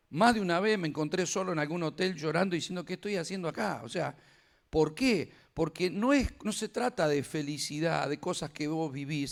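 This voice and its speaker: An older man preaching a sermon, emphatic and returning again and again to firm refrains. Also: on the high side.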